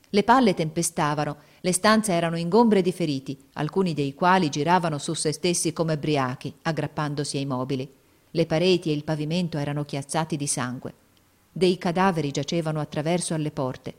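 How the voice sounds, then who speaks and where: A woman narrating a story aloud with a measured, expressive reading. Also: sits low. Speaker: audiobook narrator. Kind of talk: scripted narration.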